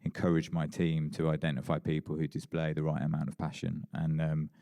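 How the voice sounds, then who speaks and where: A man's voice: extremely low pitch, completely flat delivery, fairly quick, mellow. A man chairing a conference panel, casual and chatty, self-deprecating, with many fillers. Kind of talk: moderating a panel. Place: conference hall.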